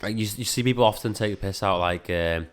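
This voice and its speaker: This version of the interviewed coach has a fairly low, clean-toned voice and a quick pace. He chats informally and rambles with filler words, and since he can't say his R's, they come out as w.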